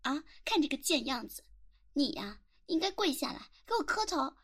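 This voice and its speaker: A woman's voice: sits high, very animated, normal speed. A woman voicing a jealous, sneering schoolgirl. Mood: furious, abusive. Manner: sneering, taunting, bursts into relentless shouted insults. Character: jealous, domineering teenage girl classmate, contemptuous and possessive. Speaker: voice actor. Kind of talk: audio role-play drama.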